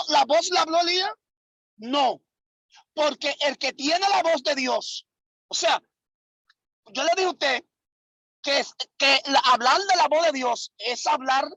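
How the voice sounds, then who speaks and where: A man's voice: extremely high pitch, sharp tone, no room sound, rough recording. A man teaching a ministry class as an apostle, preaching emphatically, repeating key phrases and firing rhetorical questions at his listeners. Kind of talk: preaching lesson.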